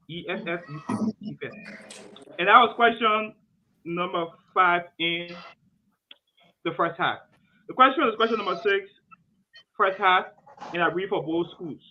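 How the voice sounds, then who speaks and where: The quizmaster, a Liberian man, poses questions and delivers his rulings emphatically, repeating them, with long pauses between phrases. He speaks at normal speed in a high-pitched voice, and the muffled lo-fi recording carries faint noise.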